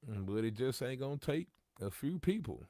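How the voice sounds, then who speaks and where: At normal speed and with expressive delivery, a man in his 30s hosts a livestream in a medium-pitched, mellow, gravelly voice. He chats casually in street slang and goes over his points repeatedly, captured in clean studio sound without echo.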